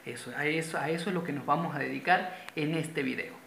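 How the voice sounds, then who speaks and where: Man, grammar teacher, slow patient delivery with repeated terms, echoey room. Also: on the high side, gravelly, a bit bright, slight background noise. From Venezuela. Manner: patient, repeats key terms, points at a board. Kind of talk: classroom-style grammar lesson. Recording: roomy echo.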